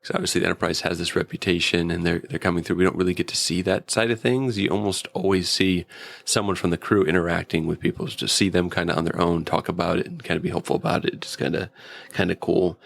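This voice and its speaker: As a guest reviewer in a casual episode review chat, a man talks with the informal enthusiasm of a fan. His voice is low-pitched with vocal fry.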